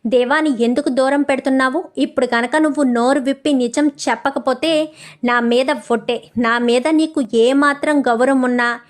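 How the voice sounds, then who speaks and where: A woman voicing a stern aging father who commands his son to tell the truth, in a soft retelling. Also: high-pitched, fairly even intonation, normal speed, close to an everyday voice. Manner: commanding, threatening.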